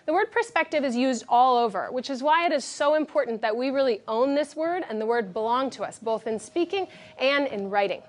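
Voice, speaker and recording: A woman teacher leading a classroom vocabulary lesson, speaking clearly and directively and praising her students often. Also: high-pitched, animated, a little fast.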